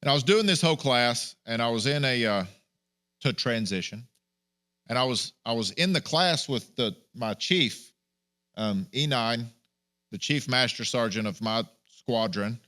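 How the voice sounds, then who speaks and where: A man's voice: medium pitch, animated, a little slow, sharp tone. A man in his thirties preaching, telling a personal story in a conversational way and acting out the people he quotes. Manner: conversational, acts out quoted dialogue.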